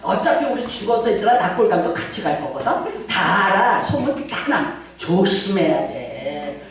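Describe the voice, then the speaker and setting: A middle-aged woman pastor, preaching a fervent, dramatic sermon that swings from shouts to hushed asides. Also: medium pitch, sing-song, normal speed. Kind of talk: Pentecostal sermon. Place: large church sanctuary. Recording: very echoey church hall, from far off.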